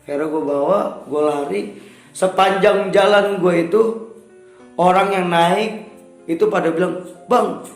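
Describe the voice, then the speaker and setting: A young man telling a story in a casual interview, animated, raising his voice for quoted dialogue. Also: sits high, unhurried, pauses often. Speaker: guest storyteller. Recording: echoey room with soft music.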